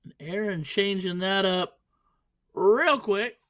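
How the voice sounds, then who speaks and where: A man commentates live on a darts match in a casual, conversational way. His voice sits a little higher than most men's. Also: slow, a bit bright.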